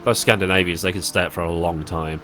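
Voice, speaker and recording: Joking race co-commentator, lowish voice, light background noise. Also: male voice, steady tone, fast. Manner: joking, teasing. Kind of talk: casual commentary chat.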